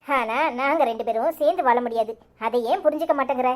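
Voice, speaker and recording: A woman's voice: high-pitched, quick pace, close to an everyday voice. A woman voicing a jealous young wife in a cartoon comedy, with a Tirunelveli Tamil accent. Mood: hurt. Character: jealous young wife Anitha, feverish and pleading. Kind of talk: village cartoon drama.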